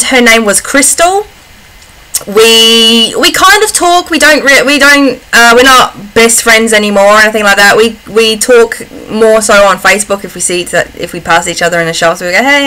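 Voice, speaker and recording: Speaking with a fairly high, bright voice and a forceful tone, this Australian vlogger chats informally through personal questions. She keeps breaking off and restarting with giggles, and the recording is rough.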